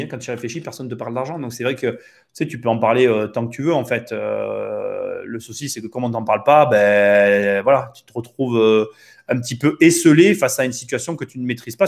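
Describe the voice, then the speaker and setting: A man hosting a real estate podcast, speaking in a casual, opinionated monologue with rhetorical questions and frequent hesitations. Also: mid-range voice. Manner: hesitant, many fillers and restarts, rhetorical questions.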